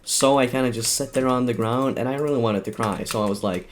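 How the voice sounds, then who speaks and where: A man's voice: mid-range voice, fairly quick, slight background noise. Rambling self-mocking young man gaming. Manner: rambling, self-mocking, laughing at his own story. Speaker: gaming YouTuber. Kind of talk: casual storytelling while playing a game.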